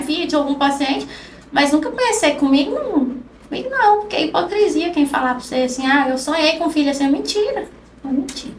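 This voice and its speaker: A woman guest on a podcast telling an emotional personal story, acting out the dialogue in soft-spoken speech. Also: sits high. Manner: acts out quoted dialogue, speaks softly. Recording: roomy, distant mic with faint noise.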